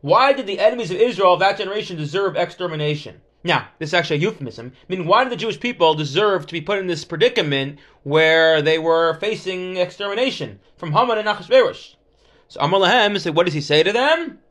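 Man, high voice, Talmud teacher, reads then translates, asks and answers questions. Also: expressive, quick pace, a bit bright. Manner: explanatory, stop-and-start, poses questions and answers them. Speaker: religious teacher giving a Talmud class.

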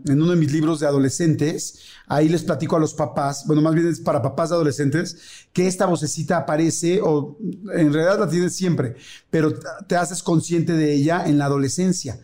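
A Mexican man co-hosting a podcast, explaining things in a relaxed, friendly, conversational way. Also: fairly high pitch, normal speed. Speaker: podcast co-host. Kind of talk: casual chat.

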